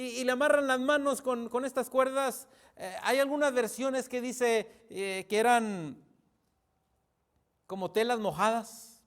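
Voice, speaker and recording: A pastor delivers an emphatic sermon in a very high-pitched voice, calling out to the congregation again and again and suddenly dropping to a hush.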